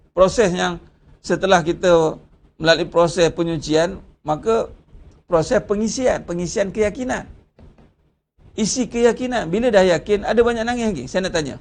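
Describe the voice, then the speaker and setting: A man's voice: high voice, creaky. A man with a Malaysian Malay accent giving a Ramadan religious lecture, preaching conversationally with rhetorical questions. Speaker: religious teacher.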